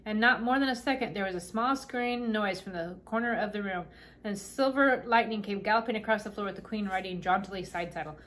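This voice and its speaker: A woman's voice: mid-range voice, brisk, a bit bright. Woman reading a children's book aloud. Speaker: storybook reader.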